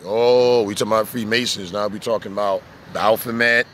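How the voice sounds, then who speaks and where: A man preaching casually outdoors as a street preacher, telling animated stories and acting out little voices. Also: lowish voice, fairly quick, slight background noise. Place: outdoors in the sun.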